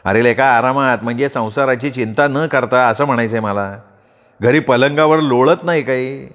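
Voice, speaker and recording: A man's voice: mid-range voice, normal speed, fairly bright tone, natural voice. A man voicing a witty, mischievous young man with political ambitions, in an audiobook story. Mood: joking. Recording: roomy reverb.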